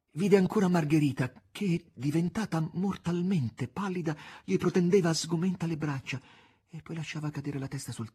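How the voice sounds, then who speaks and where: A man narrating a novel in a theatrical, dramatic style, swinging from hushed whispers to loud passages. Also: a little high, breathy edge. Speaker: audiobook narrator.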